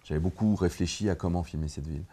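A man's voice: low-pitched, quick pace, dark tone, slightly rough. A middle-aged man, a film director, talking reflectively in a TV studio interview, full of hesitations and restarts. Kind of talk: relaxed interview conversation. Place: TV studio set with armchairs. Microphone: lapel mic.

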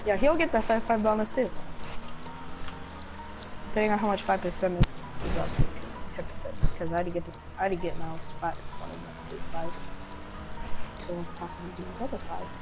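A man's voice: sits high, fairly even intonation, a little fast, vocal fry, long pauses, low-quality recording. A young man chatting casually and swearing as he plays an online game and haggles with his friends. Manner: profane, bargaining. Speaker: gamer playing online with friends. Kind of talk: casual gaming chat. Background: video game sounds and music.

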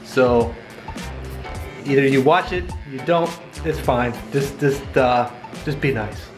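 Music plays in the background as a middle-aged man with an American accent talks slowly in a mid-range voice. He's an amateur radio operator vlogging informally from a small home radio room, where static fills the noisy recording between his radio call-outs.

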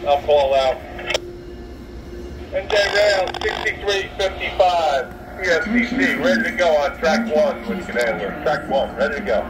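A man speaks in a fairly high voice over a walkie-talkie, making railroad radio calls. His phrasing is terse and procedural. Loud train noise runs heavily through the recording. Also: animated, normal speed. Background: loud train and railway noise.

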